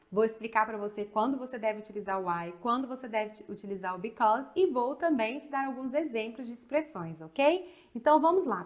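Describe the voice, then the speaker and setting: Chatty Brazilian woman teaching English. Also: a little high. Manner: chatty, slows down to pronounce English examples. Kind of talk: video lesson.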